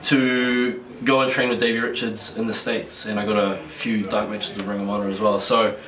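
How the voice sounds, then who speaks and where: This guest wrestler, a young man with a New Zealand accent, speaks at a moderate pace in a fairly low, level voice with a fairly bright tone. He laughs easily and rambles with many restarts, recorded on a distant mic in an echoey room with faint noise.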